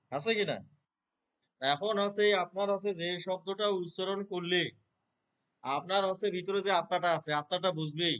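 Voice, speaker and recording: Earnest man with a high-ish voice. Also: a bit bright. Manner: earnest, repeats filler words, chants verses rapidly in recitation. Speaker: Gita reciter. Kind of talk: conversational interview answers.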